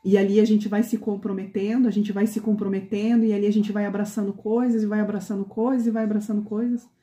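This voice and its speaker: A woman's voice: mid-range voice, little pitch movement, fast talker, warm tone, echoey room. A woman pastor preaching a conversational sermon to a women's meeting, often asking the women questions.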